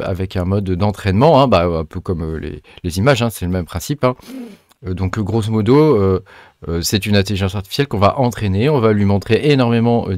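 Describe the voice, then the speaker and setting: A man with a fairly low voice talks through his screen in a loose, rambling way, leaning on fillers and restarting his sentences often. The sound is dry and close to the mic, with no room around it. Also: darkish tone, no echo. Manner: chatty, many fillers and restarts. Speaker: crypto and tech video host. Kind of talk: casual screen-share commentary.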